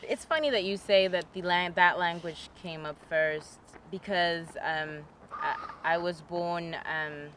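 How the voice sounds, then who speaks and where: Lower-voiced English woman hosting, relaxed. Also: a little slow, background noise. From England. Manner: relaxed, hesitant, many fillers. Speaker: host. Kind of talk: casual interview.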